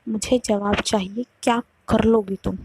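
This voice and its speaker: A woman's voice: medium pitch, steady tone, moderate pace, creaky, darkish tone, slight background noise, lightly acted. Woman voicing a possessive, demanding young woman. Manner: insistent, demanding answers.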